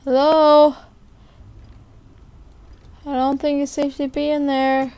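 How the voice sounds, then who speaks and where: A young woman commenting on a horror game as she plays, jumpy and sarcastic, thinking out loud. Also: high voice, monotone, normal speed. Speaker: gamer playing a horror game. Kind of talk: let's play commentary.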